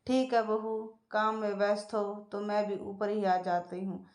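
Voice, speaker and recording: A woman voicing a gentle, trusting elderly mother who speaks softly and hesitantly, in a storybook reading. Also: mid-range voice, fairly even intonation, moderate pace, close to an everyday voice. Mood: pleading. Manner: soft, pleading, hesitant. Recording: echoey room.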